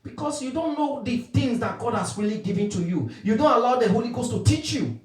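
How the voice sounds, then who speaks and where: Male preacher, high animated voice, calls for responses, echoey room, set back from the mic. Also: brisk, recorded from a distance, faint music behind. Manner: emphatic call-and-response preaching, quoting King James scripture. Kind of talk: street sermon.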